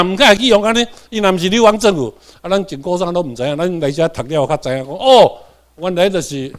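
A man's voice: sits high, a bit bright. A man from Tainan, Taiwan, with a Taiwanese accent, giving a classroom lecture. He repeats key points and keeps checking in with his students.

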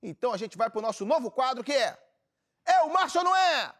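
An actor playing a brash Brazilian van driver who hosts a comedy culture show, talking in a pushy, hurried way. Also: male voice, very high-pitched, very noisy. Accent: Brazilian Portuguese. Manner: pushy, rushing, salesman-like. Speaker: show host, alternative transport driver Rogerinho. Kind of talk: scripted comedy sketch hosting.

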